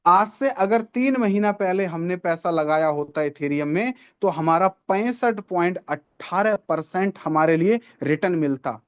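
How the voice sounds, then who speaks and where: A man's voice: high-pitched, clear, resonant tone. A man giving a live online training talk on network marketing. He talks persuasively, repeats his lines for emphasis and puts questions to the audience.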